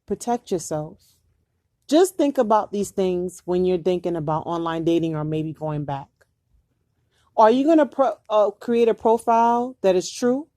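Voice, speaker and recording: A woman's voice: fairly low pitch, expressive, normal speed, dark tone, no echo, clean studio sound. A woman vlogger giving dating advice to her viewers, earnest and urgent, repeating her warnings. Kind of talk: earnest direct-to-camera talk.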